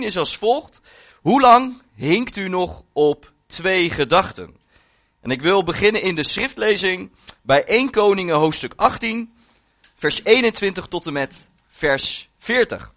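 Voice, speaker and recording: A man's voice: sits high, fairly bright tone. A male preacher reading a long scripture passage aloud as part of his sermon, solemn and with rising emphasis.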